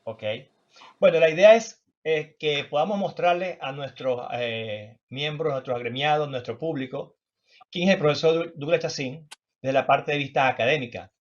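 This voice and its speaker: A man's voice: a little high, normal speed. A Venezuelan man speaking in a courteous, formal way as an interview host. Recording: dull, band-limited audio.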